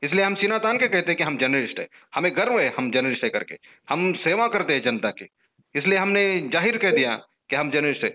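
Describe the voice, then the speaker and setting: This is a journalist phoning a call centre, and the telephone recording sounds muffled and narrow-band. His voice sits a little high and he is brisk and very animated, repeatedly firing pointed questions in an insistent, indignant complaint.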